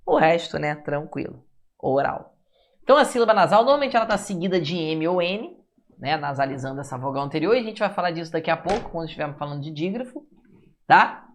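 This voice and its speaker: A man's voice: fairly high pitch, expressive, fast talker. A man with a Brazilian Portuguese accent giving a class lecture. He keeps checking in with the class with tag questions and sounds out syllables to show how they work. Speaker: teacher.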